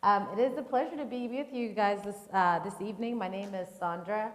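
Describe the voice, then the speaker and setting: A woman's voice: mid-range voice, fairly quick. A woman, giving a friendly guest talk at a church and asking the audience questions. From Zimbabwe. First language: Shona. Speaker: guest speaker. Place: church hall. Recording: echoey church hall.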